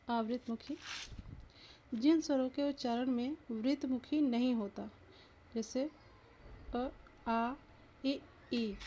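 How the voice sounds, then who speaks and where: A woman's voice: high voice, warm tone, slight background noise. A woman teacher giving an exam-prep lesson, asking the viewer questions and sounding out each letter aloud.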